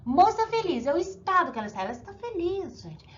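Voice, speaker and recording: Woman, high voice, Brazilian accent, teacher for children, slow drawn-out examples, dull lo-fi recording. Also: big pitch swings. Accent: Brazilian Portuguese. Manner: sing-song, drawn-out words, many check-ins. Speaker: primary school teacher. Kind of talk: recorded classroom lesson for children.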